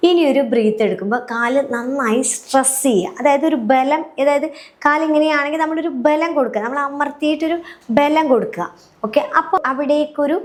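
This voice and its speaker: Calm woman coaching relaxation. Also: high voice. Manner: calm, step-by-step, often checking "clear?". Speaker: happiness coach. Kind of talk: guided relaxation instruction.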